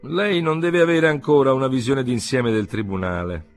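A man reading an audiobook, voicing a brisk, self-assured adult male painter who speaks insistently and emphatically. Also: medium pitch, soft background music, pitched above the performer's own voice, lightly acted.

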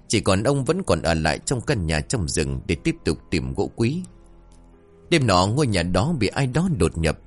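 A man with a deep voice narrating a spooky comic tale. His delivery swings widely in pitch and stays dramatic, with faint music underneath. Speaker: storyteller. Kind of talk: scripted horror-comedy narration.

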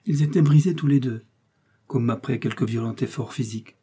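A man narrating a classic novel as an audiobook in a measured, steady manner. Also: mid-range voice, breathy edge. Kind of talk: scripted literary narration.

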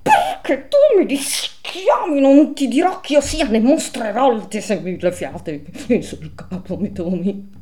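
Give me a woman playing a weeping, furious damned man in the ice, high and loud. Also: expressive, takes it slowly. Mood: wailing, snarling. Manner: cries out shrill and sobbing, then snarls.

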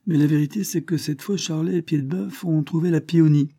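A man's voice: on the high side, steady tone, fairly quick, dark tone, voice pushed up. A man voicing Michel, an earnest, worried friend who pleads solemnly and gets worked up, in a read-aloud novel.

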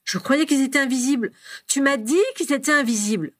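A woman's voice: sits high, fairly quick, pitched above the performer's own voice, close to an everyday voice. A woman voicing a timid young boy, worried and anxious before leaving home, in a dry close recording. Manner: worried, whispering.

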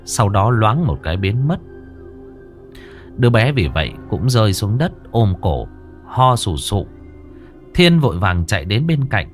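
Low-voiced man telling a ghost story. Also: unhurried, pauses often, faint music behind. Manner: lively dramatic storytelling. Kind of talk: horror story narration.

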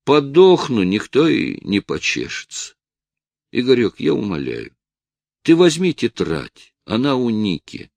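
A man's voice: medium pitch, wildly swooping pitch, a little slow, creaky, a little mellow, dry recording, heavily acted. A man voicing a badly beaten young man who speaks weakly, groaning and pleading, bitter about his attackers. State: in pain, weak.

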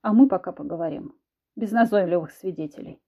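A smug, cruel husband, as a woman reader puts him on, who talks low and drawn-out with a creeping, insinuating menace and sometimes sinks to a whisper. The recording sounds dull and lo-fi. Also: slightly rough. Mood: menacing.

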